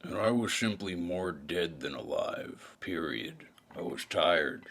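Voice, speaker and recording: In a scripted noir audio drama, an actor narrates as a weary, brooding hard-boiled detective, giving a full character voice. His male voice sits low, deliberate and gravelly, with a sharp tone.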